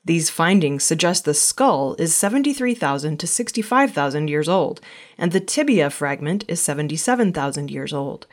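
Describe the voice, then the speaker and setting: A woman with a slightly low voice reads the news from a script, presenting a weekly round-up of reports. She keeps a measured, formal delivery but with lively intonation.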